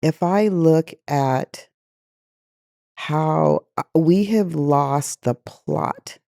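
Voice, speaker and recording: Female interview guest, mellow voice, impassioned and rhetorical. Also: low voice, drawn-out words, gravelly, no room sound, clean studio sound. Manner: impassioned, rhetorical, sighs heavily. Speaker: guest executive. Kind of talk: passionate conversational interview.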